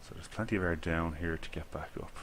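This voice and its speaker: With a low, slightly bright voice, this fast-talking Irishman gives casual gameplay commentary to himself, rambling and chuckling at his own errors as a gaming video creator. A little hiss or hum runs underneath.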